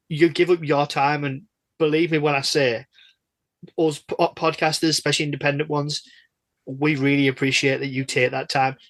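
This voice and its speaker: A man guest-hosting a podcast interviews someone in a loose, rambling style, joking and making fun of himself. His voice is mid-range with a fairly bright tone.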